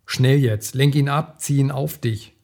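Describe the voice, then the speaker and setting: A hulking, drunken bald thug, as a man puts him on drawls his threats at a slow, heavy pace. The voice sits in a middle register, sneering and brutal. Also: mid-range voice, gravelly, a little mellow. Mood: threatening. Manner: slow, menacing, mocking.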